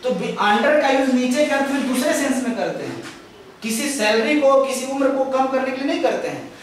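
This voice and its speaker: Standing at a classroom chalkboard, a young man with an extremely high voice lectures on grammar, working step by step through slow, drawn-out example sentences and answering the questions he poses himself. His Hindi explanations are mixed with English phrases, and the far camera picks up an echoey room with slight hiss or hum.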